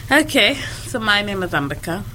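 A woman from Delhi, India, chatting as a studio guest in a relaxed way and laughing easily. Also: mid-range voice, a little fast, a little hiss or hum, rough recording. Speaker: guest, community coordinator. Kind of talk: radio interview. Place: radio studio.

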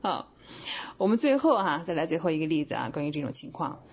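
A woman teaching Chinese grammar in a radio lesson, explaining patiently and reading example sentences slowly with stressed words. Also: deep voice, sing-song, husky. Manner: patient, explanatory, with many tag questions.

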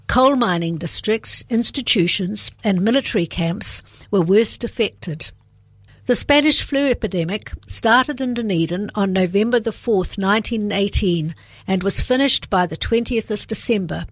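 A woman, presenting a heritage radio segment in a measured storytelling read. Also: mid-range voice, no echo. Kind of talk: scripted heritage narration.

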